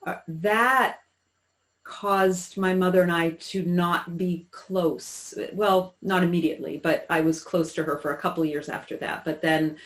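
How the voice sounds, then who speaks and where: Reflective woman in her sixties, halting. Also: on the low side, steady tone, rough recording. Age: 60s. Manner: halting, reflective, many restarts. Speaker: interview guest. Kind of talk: personal recollection in conversation.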